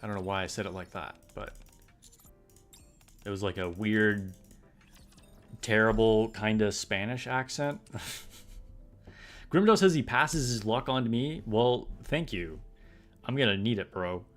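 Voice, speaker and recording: A man's voice: on the low side, slow pace, pauses often, soft background music. A man streaming a game, chatting casually with viewers in a laid-back, rambling way full of fillers. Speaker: gaming streamer. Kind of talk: casual live-stream chat.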